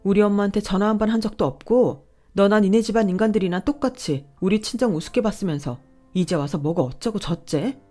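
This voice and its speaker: A woman's voice: medium pitch, natural voice. Woman playing a furious, scolding young wife. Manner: sharp, scolding, shouting.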